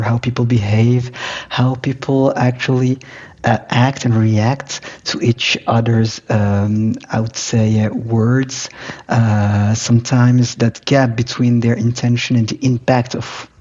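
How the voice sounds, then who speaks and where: Male podcast guest from Morocco, mid-pitched, hesitant with lots of fillers, on slightly muffled audio. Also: a little mellow, husky. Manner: hesitant, many filler pauses. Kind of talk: casual interview talk.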